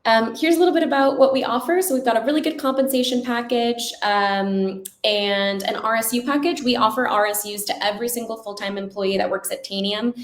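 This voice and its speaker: A woman giving an upbeat, salesy recruiting pitch with slides, speaking conversationally and often checking in with listeners. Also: a little fast, few pauses. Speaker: company recruiter. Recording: echoey room sound.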